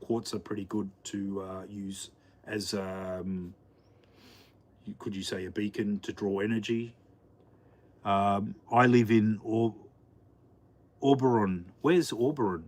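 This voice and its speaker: A man's voice: on the low side, level tone. Rambling man on a live stream. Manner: rambling, halting with many fillers. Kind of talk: casual live stream chat. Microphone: camera mic.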